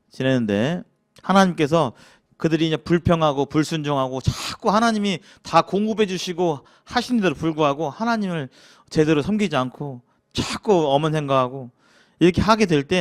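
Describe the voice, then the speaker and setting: A man with a Jeolla accent teaching a casual church Bible lecture, asking the class questions and acting out grumbling quotes. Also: fairly high pitch. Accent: Jeolla Korean. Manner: lively, acts out grumbling quotes, chuckles, asks the class questions.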